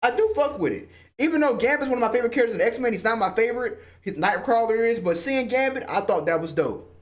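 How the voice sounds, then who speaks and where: A man hosting a casual spoiler review of a film, excitable and slangy, swearing freely and often laughing. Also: extremely high pitch, fast. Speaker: movie reviewer and host.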